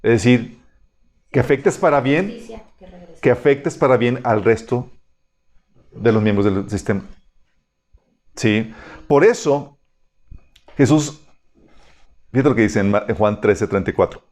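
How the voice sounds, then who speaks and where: A man's voice: mid-range voice, measured pace, long pauses, a little mellow. A man teaching a Bible study in a conversational way, reading passages aloud and often checking that his listeners follow.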